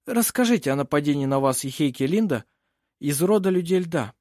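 A commanding male lawyer who holds forth to the court in a raised, declaiming voice, voiced by the reader. His pitch swings boldly over a dry, close sound. The medium is an audiobook. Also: expressive, fairly quick, darkish tone, dry recording, close to an everyday voice. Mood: probing. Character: forceful male lawyer, bold courtroom orator.

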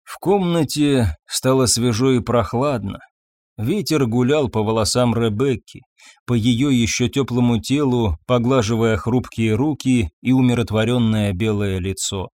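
A man narrating a dark story as a scripted audiobook, dramatic and expressive, recorded close on a studio mic. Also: medium pitch, a little slow, no echo.

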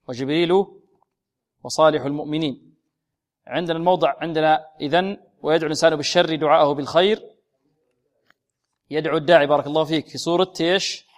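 A man teaching Quran recitation in a lesson, asking questions and answering them himself, and drawing out verse words slowly and repeatedly. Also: a little high.

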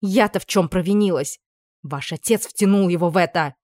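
A reader voicing a resentful middle-aged female secretary who answers hoarsely and grumbles sullenly. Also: mid-range voice, normal speed, darkish tone, no room sound, clean studio sound, natural voice.

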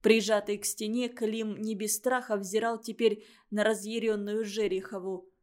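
A woman reading a novel aloud as narrator, in an expressive, measured reading. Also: medium pitch. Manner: expressive reading, acting out the dialogue. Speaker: audiobook reader. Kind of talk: scripted literary narration.

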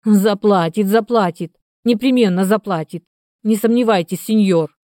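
A woman's voice: medium pitch, unhurried, warm tone, no echo, clean studio sound, close to an everyday voice. A woman voicing a desperate man who pleads in a raised, urgent voice. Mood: eager.

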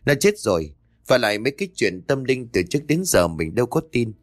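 A man's voice: medium pitch, sing-song, brisk, dry recording, clean studio sound, lightly acted. A man voicing a selfish young husband who talks in a dismissive, evasive way. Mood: brooding.

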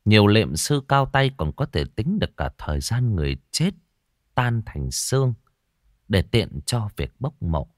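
A man from Northern Vietnam narrating a ghost story slowly and dramatically, dropping to a hush at tense moments. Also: fairly low pitch, big pitch swings, no room sound, clean studio sound.

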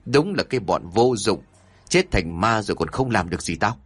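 A man voicing a cruel, wealthy older master who uses curses, speaking in fast, menacing outbursts. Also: lowish voice, sing-song, a bit bright, husky, dry recording, voice pushed down, full character voice. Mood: sneering. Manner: menacing, snarling, quick outbursts.

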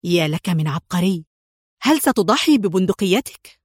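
A woman voicing a fierce, scheming female accomplice in a spy audiobook, speaking in a shrill, angry manner. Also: lively intonation, moderate pace, husky, no echo, studio quality. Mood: eager.

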